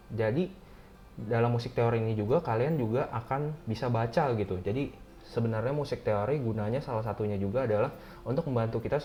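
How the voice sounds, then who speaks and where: A man's voice: medium pitch, darkish tone, a little hiss or hum. A young man giving a casual beginner music theory lesson, chatty and full of fillers, as the show's host. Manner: chatty, many fillers like "gitu" and "nah". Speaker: music teacher.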